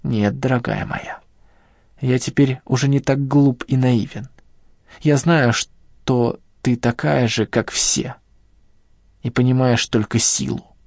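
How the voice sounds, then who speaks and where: A man reading an audiobook and voicing an obsessive male kidnapper with a high, sharp voice and pathetic, self-righteous outbursts. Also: fairly even intonation, takes it slowly, gravelly, pauses often, dry recording, clean studio sound. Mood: suspicious, ranting. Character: obsessive unhinged male kidnapper, shrill and hysterical.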